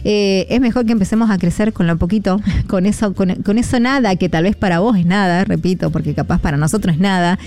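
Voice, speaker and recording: Warm-voiced Argentine woman radio host. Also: medium pitch, a little fast, hardly any pauses. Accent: Argentine Spanish. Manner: rambling, hesitant, many fillers, encouraging. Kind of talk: devotional talk on air.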